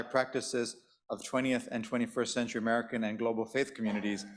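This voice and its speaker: Fast-talking man reading an introduction. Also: mid-range voice. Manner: brisk, formal. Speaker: event introducer. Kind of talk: read introduction.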